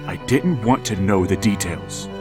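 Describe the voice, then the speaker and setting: In a vintage-style radio drama with music behind him, an actor plays a grieving middle-aged father who narrates and desperately pleads to reach his dead son. His fairly low voice is animated and unhurried, anguished and pleading before rising to frantic outbursts.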